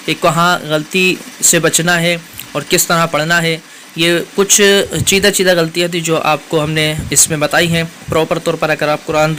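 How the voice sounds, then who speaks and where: Male teacher, patient step-by-step delivery, slightly high pitch, light background hum. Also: bright, forceful tone. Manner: patient, methodical, spells out letters and rules. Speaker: Quran teacher. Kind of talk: step-by-step tajweed lesson.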